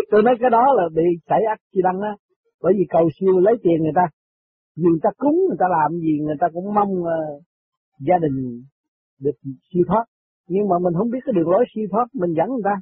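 Male teacher, husky, rambling spiritual talk, phone-line sound. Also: high voice, dry recording. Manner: repeats words while searching, chuckles between points. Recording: tinny phone-like radio line, dry.

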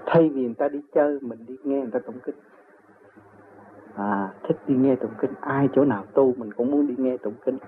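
An older man with a Southern Vietnamese accent rambles through his own stories, chuckling often as he goes. His voice sits at an ordinary middle pitch for a man. It comes through a narrow, tinny, phone-like recording with a faint hiss behind it. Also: a little fast. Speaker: interviewee. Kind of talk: rambling personal storytelling.

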